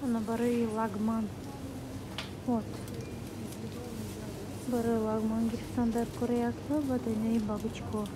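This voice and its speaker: A woman's voice: fairly high pitch, flat delivery, unhurried, pauses often. A woman from Tajikistan talking casually to her viewers while shopping in a grocery store, thinking aloud as she goes. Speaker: vlogger. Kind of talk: casual vlog talk. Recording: noisy shop background.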